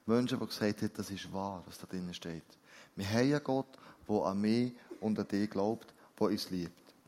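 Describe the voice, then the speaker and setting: A man's voice: lowish voice, normal speed. A man preaching a sermon, earnest and putting direct questions to his listeners. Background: soft new-age music.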